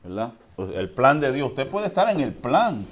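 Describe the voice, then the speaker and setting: A man preaching a sermon in a conversational way, often checking in with the congregation and swinging between quiet and loud. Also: medium pitch, normal speed. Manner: lively swings between soft and loud, with chuckles. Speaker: pastor.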